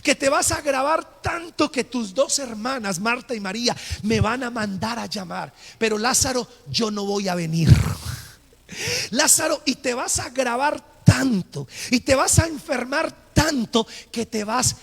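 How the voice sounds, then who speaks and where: A man voicing Jesus as a calm, assured man giving hard news with patient emphasis, in an echoing church hall. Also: very high-pitched, a little slow, creaky, heavily acted. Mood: earnest.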